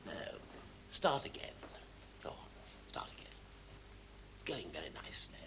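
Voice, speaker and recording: A bossy, excitable stage director. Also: male voice, low voice, normal speed, background noise. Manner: bossy, impatient, theatrical. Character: fussy, excitable stage director running a rehearsal. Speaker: theatre director. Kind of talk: 1970s televised stage drama.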